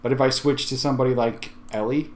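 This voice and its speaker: Speaking fast with fairly even intonation, a medium-pitched man hosts a relaxed software tutorial for a tech video. He keeps it informal and chatty, thinking out loud as he goes.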